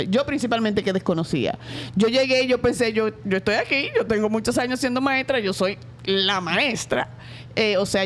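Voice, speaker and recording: A middle-aged Dominican woman, a school director, talks through her answers with frequent pauses and filler sounds. Her voice sits in an ordinary middle pitch. Faint noise runs under the recording. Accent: Dominican Spanish. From Dominican Republic. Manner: reflective, many hesitations. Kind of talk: interview answers.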